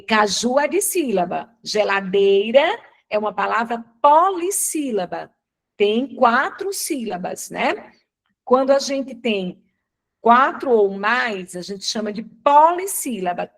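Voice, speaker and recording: A woman teacher from Brazil giving a live online grammar lesson, asking questions and answering them herself. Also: a little high. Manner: didactic, asks and answers her own questions.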